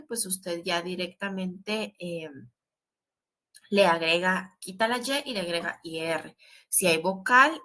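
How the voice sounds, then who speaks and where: Bright-voiced woman teaching English grammar. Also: lowish voice. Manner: patient, repetitive, stresses warnings with frequent "¿sí?" check-ins. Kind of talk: online grammar lesson.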